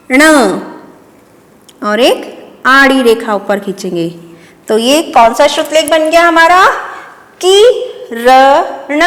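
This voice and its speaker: A woman teacher giving a slow dictation lesson to young children, patiently spelling out each word syllable by syllable and repeating it. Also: sits high, fairly bright tone, in a large hall.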